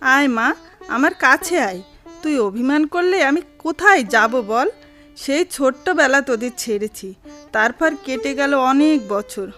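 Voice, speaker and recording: A woman's voice: high voice, animated, measured pace, fairly bright tone, faint music behind. An actress playing a loving, long-suffering middle-aged mother, emotive and sentimental in the manner of an old radio show. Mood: sorrowful. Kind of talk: radio drama acting.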